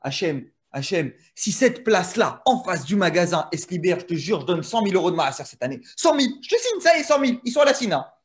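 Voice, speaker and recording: Man doing a frantic shopkeeper, put-on accent, high and loud. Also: very animated, fast talker, hardly any pauses. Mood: pleading, frantic. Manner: put-on accent, pleading then cocky. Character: frantic male shopkeeper pleading with God.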